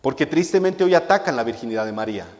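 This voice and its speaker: A man's voice: medium pitch, animated, fast talker, a little mellow. A male pastor preaching a sermon to his congregation, emphatic and full of rhetorical questions, often repeating a key word for weight. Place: church hall. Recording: long hall reverb.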